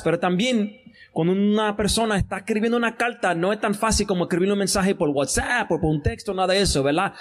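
High-voiced Puerto Rican man reading poetry. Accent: Puerto Rican Spanish. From Puerto Rico. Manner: chatty, loose intro with English "so" fillers. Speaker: poet. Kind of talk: spoken word poetry reading. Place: bar event space, indoors. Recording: live mic with guitar music behind. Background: guitar music.

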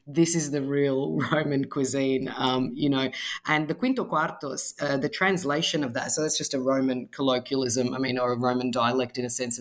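A woman's voice: extremely low pitch, fairly bright tone. A woman with an Australian accent, a cookbook author chatting in an interview, explaining dishes with lots of casual fillers. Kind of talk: conversational interview.

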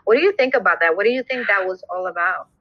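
A woman's voice: medium pitch, expressive, quick pace, dry recording. A woman from Brooklyn hosting an interview, asking questions informally with fillers. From Brooklyn, New York. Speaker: podcast host. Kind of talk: casual interview chat. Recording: dry, dull lo-fi recording.

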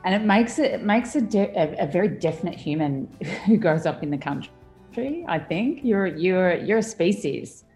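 A middle-aged Australian woman chatting as a podcast guest, animated and stumbling over restarts. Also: lowish voice, normal speed, soft background music. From Australia (Victoria). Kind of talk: casual podcast interview.

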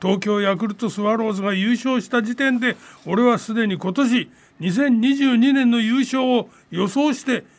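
A man voicing a boastful, teasing old grandpa in a radio comedy skit, gruff and mocking with a cackling laugh. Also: very high-pitched, normal speed, hardly any pauses. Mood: gloating. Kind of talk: scripted radio comedy banter.

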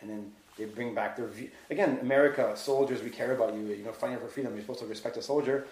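A man's voice: mid-range voice, quick pace, darkish tone. A man hosting a podcast, ranting heatedly in casual conversation and swearing freely. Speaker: podcast host. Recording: roomy echo.

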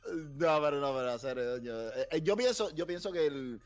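Cuban-accented male radio host, lively chat, slightly high voice, dull lo-fi sound. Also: normal speed. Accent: Cuban Spanish. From Cuba. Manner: animated, repeats words. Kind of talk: casual chat.

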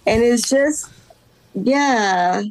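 A woman's voice: a little high, very slow, darkish tone, no echo. A woman from Guatemala, a guest artist talking casually in an interview, hesitant, with many fillers and restarts.

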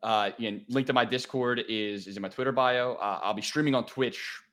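A man's voice: medium pitch, fairly even intonation, normal speed, a bit bright. A man with a Delco accent from the Philadelphia area, chatting casually as a guest on a show. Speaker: guest, streamer. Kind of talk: casual chat.

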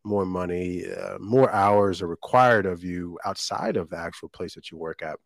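A man from Jamaica tells his story in a very low, deep voice, loose and casual, full of ums and self-corrections. The sound is dry and close, with no room around it. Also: moderate pace, creaky, no room sound. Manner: rambling, many ums and restarts. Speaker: guest, shortbread business owner.

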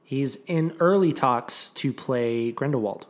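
A man's voice: mid-range voice, takes it slowly. A man chatting as a podcast co-host with informal, opinionated banter, in an echoey untreated room. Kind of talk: casual chat. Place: new home podcast studio without soundproofing.

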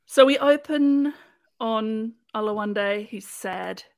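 A woman's voice: fairly high pitch, slow, no room sound. A woman hosting a podcast, walking through an episode in a playful, chatty storytelling way. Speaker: podcast host recapping episodes. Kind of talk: casual chat, episode recap.

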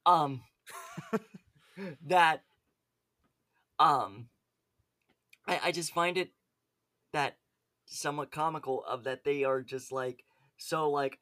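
A man's voice: a little high, bright, forceful tone, no echo. A man co-hosting a casual chat, hesitant and repeating his words as he talks. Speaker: podcast co-host.

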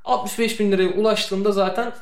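A young man co-hosting a podcast, telling stories in animated, joking casual chat. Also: high voice, brisk. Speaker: podcast co-host. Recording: roomy echo.

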